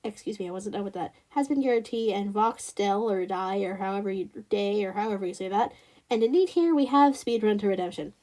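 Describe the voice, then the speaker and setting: A woman's voice: mid-range voice, brisk, warm tone. A woman with a Southern US accent hosting a casual review vlog, rambling with lots of fillers and restarts and talking straight to her viewers. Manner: chatty, addresses viewers directly. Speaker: channel host.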